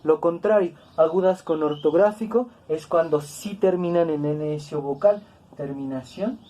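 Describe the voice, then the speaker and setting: A woman teaching a grammar lesson, speaking slowly and deliberately, repeating words to stress each syllable. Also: sits low, mellow, slight background noise. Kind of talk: classroom-style grammar lesson.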